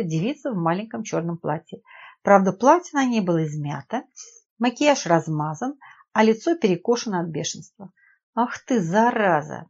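A woman narrating a detective novel audiobook in a steady, even storytelling way. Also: mid-range voice. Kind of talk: scripted narration. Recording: dull lo-fi audiobook recording.

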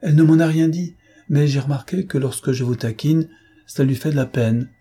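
A man voicing a mischievous, teasing young girl in an audiobook, with a husky voice. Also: a little high, fairly quick, mellow, voice pushed up. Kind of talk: audiobook character reading.

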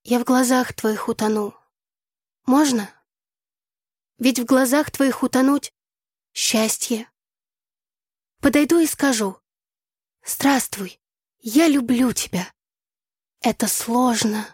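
A woman's voice: a little high, slow, long pauses, a little mellow, husky, no room sound, studio quality, voice pushed up. Woman voicing a sarcastic young drama student. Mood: declaiming. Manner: theatrical declaiming, sarcastic. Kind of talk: audiobook character voice.

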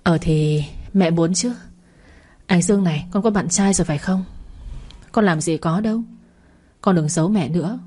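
A woman's voice: on the low side, moderate pace, long pauses, dark tone, breathy edge. A woman voicing a worried, weeping middle-aged mother in a narrated audio story. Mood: prying. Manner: tearful, pleading.

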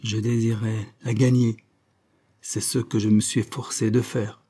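A man portrays a courteous young doctor speaking with earnest formality. His voice sounds warm and slightly breathy. It is an audiobook reading. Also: on the low side, flat delivery, a little slow.

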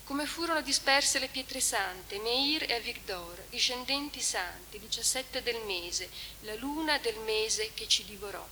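Female academic speaker with a bright, crisp tone, reading at a lectern with careful pacing in a hall recording. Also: on the high side, expressive. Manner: measured, deliberate reading. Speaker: conference speaker. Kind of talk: academic lecture with read-aloud translation. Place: conference hall. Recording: echoey hall recording with hiss.

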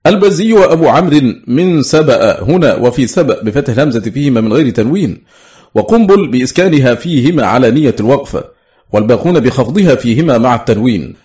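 Man, formal scholarly reading, precise, slows on quoted words, dull lo-fi sound. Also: mid-range voice, animated, darkish tone. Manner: measured and precise, slowing to recite quoted words. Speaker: reader of a classical text. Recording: dull lo-fi recording.

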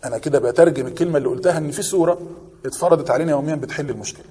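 A man preaches a sermon in an animated way, with an Egyptian Arabic accent, often asking his listeners a question and answering it himself. His voice is on the high side, very fast and husky, with a big-room sound.

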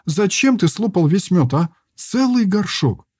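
A man voicing a bossy, quick-tempered young woman who scolds and gives orders, in a raised, husky voice. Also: a little high, big pitch swings, darkish tone, voice pushed up. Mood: scolding. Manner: scolding, commanding.

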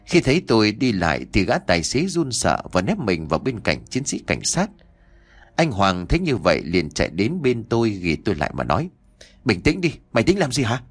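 A man's voice: fairly low pitch, wildly swooping pitch, brisk, breathy edge. A man narrating a first-person ghost story in a scripted reading.

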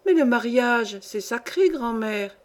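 A woman's voice: on the high side, lively intonation, takes it slowly. A woman reading a story aloud, voicing an earnest, romantic young girl who pleads with her grandmother. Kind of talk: audiobook reading.

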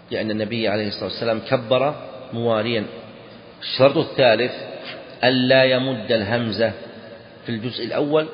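A man teaching Islamic law in a lesson, deliberate and explanatory, often repeating key phrases. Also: medium pitch, slight background noise. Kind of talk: explaining a read text in a lesson. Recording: dull echoey hall recording.

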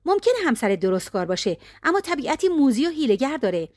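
A woman's voice: expressive, no room sound, studio quality. A woman voicing a scheming spiteful maidservant. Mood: urgent scheming. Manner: urgent, insistent, raised pitch.

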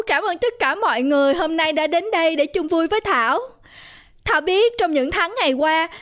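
A woman's voice: very high-pitched, a bit bright, voice pushed up. A woman voicing a young hostess who gives a tearful, pleading speech, crying as she talks.

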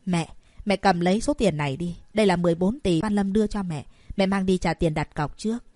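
A woman's voice: fairly low pitch, fairly quick, dark tone, dry recording, clean studio sound, lightly acted. A woman voicing an anxious, dutiful young wife in an audiobook, pleading with and placating her mother. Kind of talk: audiobook character voice.

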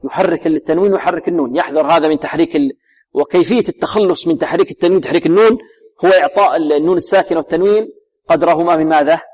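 Male recitation teacher, a little high-pitched, question-and-answer explaining with slow, repeated demonstration recitation. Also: a little mellow. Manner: explains rules, then slowly recites and repeats each word; asks questions and answers them himself. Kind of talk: tajweed lesson.

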